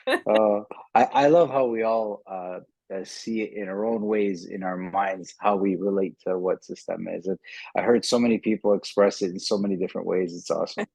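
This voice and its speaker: A middle-aged man from Canada, a martial arts instructor, chatting casually in an interview over a video call with an earbud mic, talkative and quick to laugh, often repeating words. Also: fairly low pitch, creaky, a little mellow, no room sound.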